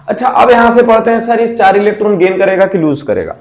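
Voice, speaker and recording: A man's voice: high-pitched, animated, fairly quick. A man teaching a chemistry lesson, asking questions and answering them himself, repeating key terms. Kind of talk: classroom-style chemistry lesson. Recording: echoey room.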